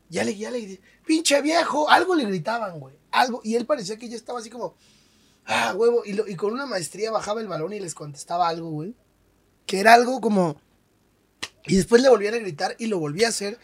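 Un hombre con acento mexicano, comediante invitado en una charla de pódcast, que cuenta historias con mucha jerga y énfasis. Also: male voice, sits high, slightly rough. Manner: slangy, emphatic storyteller. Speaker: stand-up comedian guest. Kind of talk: casual podcast interview.

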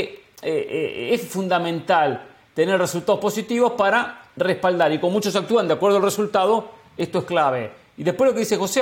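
A man speaking as a football pundit on a sports talk show, rambling with many fillers and a self-mocking humor. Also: sits high.

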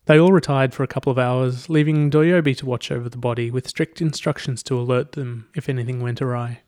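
A man narrating a story in a steady storytelling voice, reading the characters' dialogue as he goes. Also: mid-range voice, a little fast, no room sound, clean studio sound. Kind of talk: scripted narration.

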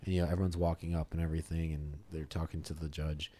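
A young man casually telling a story on a podcast, animated and swearing freely, acting out the voices of people he quotes. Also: rumbling low, quick pace.

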